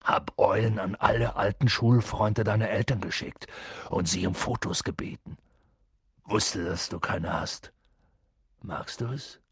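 A man's voice: fairly low pitch, steady tone, measured pace, husky, dry recording, studio quality, full character voice. A man voicing a huge tearful half-giant. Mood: gentle, quiet. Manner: sobbing, remorseful, then gentle and mumbled. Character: huge tearful half-giant groundskeeper, gruff and soft-hearted. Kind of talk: audiobook character voice.

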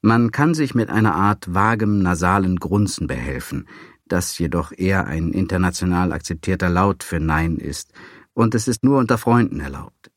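A man with a very low voice reads a first-person story in a wry, measured tone. The sound is close and dead dry, with no room at all. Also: expressive, no echo. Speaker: audiobook narrator. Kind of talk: scripted first-person narration.

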